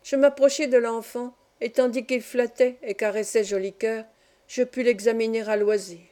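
A woman narrates an audiobook in a calm, measured way, her voice mellow and soft. It sits a little high for a woman, and she gives the dialogue gentle touches without leaving her own voice. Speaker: audiobook reader. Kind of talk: scripted narration of a classic novel.

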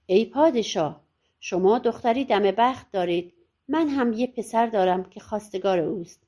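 A woman's voice: fairly high pitch, warm tone. A woman voicing a poor, bold old mother in a storybook audiobook, pleading earnestly and persuasively.

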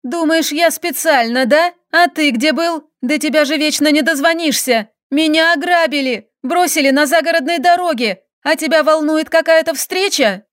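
A woman's voice: sits high, moderate pace, a little mellow, no room sound, clean studio sound, close to an everyday voice. A woman voicing a tearful, defensive young wife in a storybook reading, rising and pleading. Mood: accusing.

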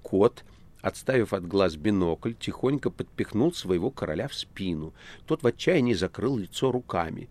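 A man narrating an audiobook in an expressive, lively storytelling manner. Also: lowish voice, normal speed. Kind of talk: scripted narration.

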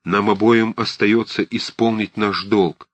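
A man reading an audiobook voices a pale, tired young woman who speaks quietly and earnestly. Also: on the low side, fairly even intonation, unhurried, dry recording.

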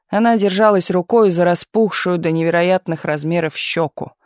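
Reading a novel aloud as an audiobook narrator, a man sounds steady and expressive. His voice is high-pitched, recorded on a close microphone with no echo.

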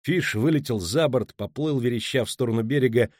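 A man narrating an audiobook with a steady, dramatic reading. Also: medium pitch, brisk, dry recording, studio quality. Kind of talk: scripted narration.

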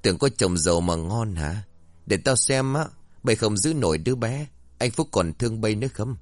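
A vain young village woman with a sharp, mocking tongue, as a male storyteller puts her on. The voice is pitched up above his own low register and swings widely in tone. The sound is dry and close. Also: expressive, brisk, no echo, close to an everyday voice. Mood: spiteful.

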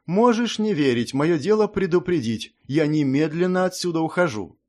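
A man's voice: fairly high pitch, animated, moderate pace, darkish tone, voice pushed up, lightly acted. A man voicing a proud young sorceress who speaks dryly and coldly, clipped and controlled. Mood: grim. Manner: dry, icy, clipped.

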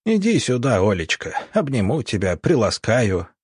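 A man voicing a smug, scheming military doctor who wheedles and snarls, with a husky voice. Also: mid-range voice, wildly swooping pitch, moderate pace, dry recording, clean studio sound. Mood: wheedling.

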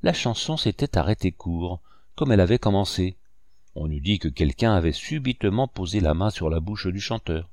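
A man reading a classic novel aloud as an audiobook narrator, in a steady, measured way. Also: deep voice, dry recording, studio quality. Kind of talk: scripted narration.

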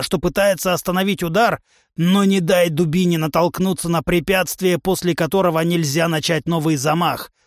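A man's voice: on the high side, a bit bright, no echo, studio quality. Male reader playing a blustering beast-man drill instructor for an audiobook, raised voice, barking orders. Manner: bellowing, blustering drill-sergeant delivery. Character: huge hot-tempered male musk-ox humanoid club trainer. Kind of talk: audiobook character voice.

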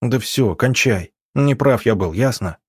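Brief: a man voicing a snappish defensive teen boy, low dry audiobook read. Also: fairly quick, a little mellow, dry recording.

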